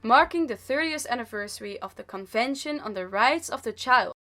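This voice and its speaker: A woman's voice: fairly high pitch, lively intonation, brisk, sharp tone. Woman narrating over music. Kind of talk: scripted documentary narration. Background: background music.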